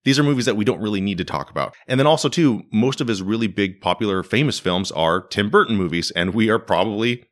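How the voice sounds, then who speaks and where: A man's voice: on the low side, animated, fast talker, hardly any pauses. A man hosting a podcast in casual, wry conversational commentary, recorded in a living room. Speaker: podcast host. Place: living room used as a home studio.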